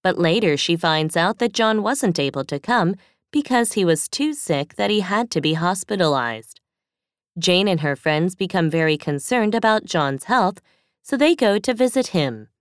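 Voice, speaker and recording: Female reader for test audio, animated intonation, dead-dry booth sound. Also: fairly low pitch, moderate pace, clean tone, no room sound. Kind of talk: scripted exam listening narration.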